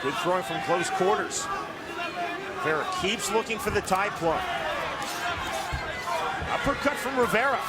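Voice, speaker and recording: A man's voice: high voice, animated, unhurried, long pauses. A man doing live play-by-play of an MMA fight in clipped, announcer-like phrases. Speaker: play-by-play commentator. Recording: loud arena crowd. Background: roaring fight crowd.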